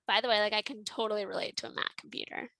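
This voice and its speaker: A woman's voice: mid-range voice, steady tone, racing, vocal fry, sharp tone, no room sound. A woman of about twenty, chatting casually and self-deprecatingly as a podcast co-host, with lots of "like". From Montreal, Canada. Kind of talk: casual chat. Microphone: headset.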